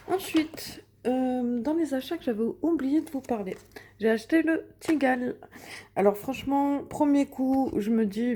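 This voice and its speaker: A woman's voice: fairly high pitch, mellow, a little hiss or hum. A young woman showing her finished coloring pages in a casual vlog, chatty and hesitant with many fillers and restarts, sitting at home in front of a window. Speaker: coloring vlogger. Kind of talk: casual show-and-tell vlog.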